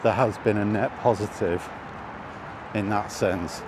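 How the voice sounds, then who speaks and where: A fairly low, even voice belongs to a middle-aged British man vlogging while walking in an urban setting; he rambles casually, pausing often to find words, at a measured pace. The outdoor recording is noisy, with street and vehicle noise clearly heard.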